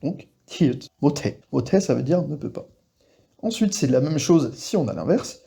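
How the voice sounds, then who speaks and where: Casual man teaching pronunciation, dark husky voice. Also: a little high, lively intonation. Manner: casual, reassuring, repeats example words slowly. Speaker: Korean language teacher. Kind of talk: explaining pronunciation rules to French speakers.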